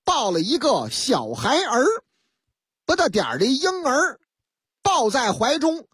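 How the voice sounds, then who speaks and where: A woman radio host tells a news item as a comic story, with drawn-out storyteller phrasing. Her voice is slightly husky and swoops widely in pitch, and the sound is close and dry. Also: big pitch swings, a bit bright, no room sound.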